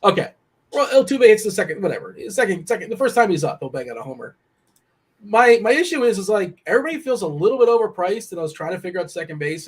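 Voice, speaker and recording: In a relaxed sports betting conversation, a young man with a fairly high, breathy-edged voice goes over his fantasy baseball choices. He wanders, fixes his own statements and adds quick side remarks.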